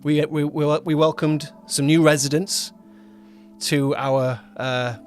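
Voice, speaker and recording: Faint music plays behind a man with a slightly high, steady voice who speaks slowly. The podcast co-host and producer chats casually about a production in a rambling way, often correcting himself in the middle of sentences.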